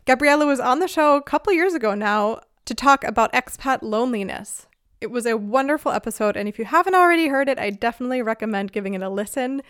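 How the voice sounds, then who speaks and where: A woman's voice: on the high side, a bit bright, smooth, dry recording, clean studio sound. Upbeat, chatty podcast host woman. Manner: chatty, upbeat, laughs easily. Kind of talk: casual podcast talk. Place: lives in Germany.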